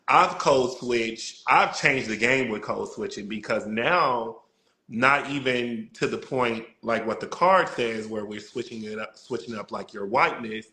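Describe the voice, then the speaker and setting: Male guest from Chicago, animated storyteller, bright and forceful. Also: mid-range voice, reverberant. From Chicago, USA. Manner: animated storyteller, acts out voices. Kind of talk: casual conversation.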